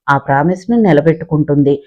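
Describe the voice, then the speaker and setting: A man's voice: fairly high pitch, steady tone, quick pace, dull audio, lightly acted. A man voicing a stern, irritable man of about seventy who gives curt orders. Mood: resolute. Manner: curt, commanding.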